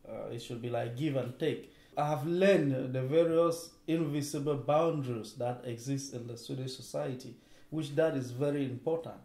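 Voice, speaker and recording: A man's voice: medium pitch, normal speed, gravelly, mellow, reverberant. A man from Cameroon, a project field worker, speaking reflectively in an interview.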